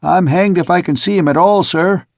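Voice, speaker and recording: A man's voice: high voice, moderate pace, vocal fry, no echo, studio quality, voice pushed up. A man voicing a frightened ship's second mate. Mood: urgent. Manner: eager, then panicked shouting.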